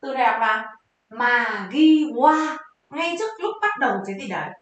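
Lively high-voiced woman teaching vocabulary. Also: normal speed. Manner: lively, quizzing viewers with questions. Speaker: Japanese teacher. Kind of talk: vocabulary exam lesson. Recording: very echoey room.

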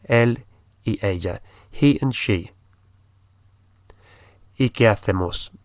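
A man's voice: fairly low pitch, drawn-out words, dry recording, studio quality. A man teaching a language lesson, patiently repeating each phrase and spelling out letters. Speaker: English teacher. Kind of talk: slow spoken language lesson.

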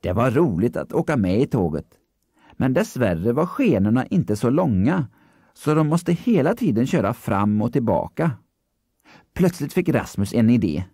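Expressive male storybook narrator. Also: mid-range voice, breathy edge, no echo, studio quality. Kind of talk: scripted children's story narration.

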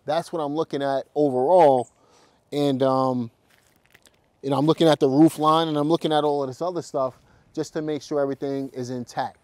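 This vlog has a real estate investor speaking directly to viewers outdoors at a house and later from a car, casually, with plenty of fillers and false starts. He has a fairly high, darkish voice, talks briskly with fairly even intonation, and the recording is dry.

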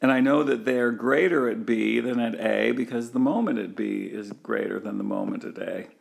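A man's voice: fairly low pitch, moderate pace, creaky, slightly rough. A man giving a recorded engineering lecture, walking through a diagram step by step with frequent fillers and restarts.

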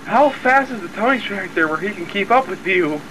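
A video game player with a high-pitched, lively voice talks fairly quickly as he chats and tells stories while gaming, in a wry, mock-exasperated manner. A game vehicle's engine noise is clearly heard behind him.

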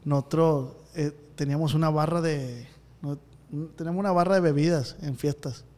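A man tells slangy stories on a casual podcast, slipping into the voices of the people he describes. His voice sits a little high for a man. The room carries a long, ringing reverb. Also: moderate pace, warm tone. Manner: slangy storyteller, acts out voices in anecdotes. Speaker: podcast host.

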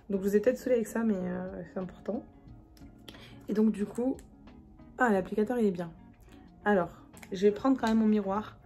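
A woman's voice: mid-range voice, a little mellow. A young woman with a Marseille accent chatting casually through a makeup review, slangy and laughing, dropping into murmurs as she applies products. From France. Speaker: beauty vlogger.

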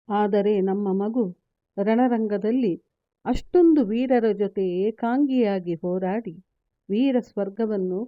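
Krishna, a woman voicing a calm divine counselor. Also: mid-range voice, no echo, muffled recording, natural voice. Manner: measured, consoling, explanatory.

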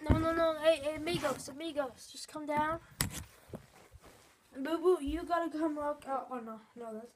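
A woman giving excitable mock play-by-play commentary, swinging from low mutters to sudden yelps, filmed at home in a bedroom. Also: normal speed, noisy background. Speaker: channel host filming pets. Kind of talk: mock sports commentary on a cat fight.

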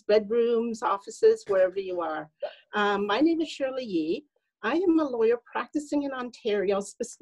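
A woman's voice: mid-range voice, darkish tone, low-quality recording. A woman in her sixties, a real estate lawyer from Hong Kong, introducing herself graciously and articulately on a video call. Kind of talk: panel discussion on a video call.

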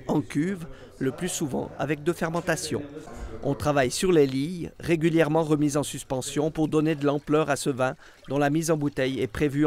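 Swiss French man narrating a report. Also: on the high side. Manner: even, measured read. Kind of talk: scripted narration.

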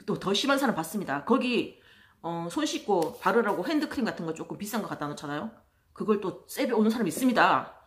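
A woman telling stories in a casual monologue, chatty and exasperated, acting out other people in loud voices. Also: mid-range voice, animated, fast. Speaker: vlogger.

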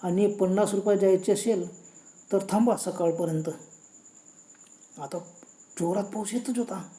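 A woman's voice: medium pitch, mellow, echoey room. A woman narrating a horror story in a dramatic storytelling manner.

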